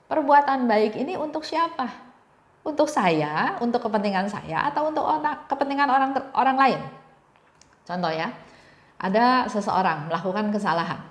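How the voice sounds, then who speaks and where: Female devotional speaker, storytelling tone, mid pitch, reverberant room. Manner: gentle storytelling with repeated phrases. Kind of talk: reflective devotional talk.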